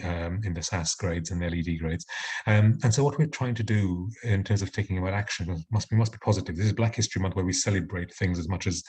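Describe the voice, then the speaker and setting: A man's voice: deep voice, a little mellow, slightly rough. A man from Nigeria speaking earnestly as a panelist in an online discussion, restarting phrases as he makes his points.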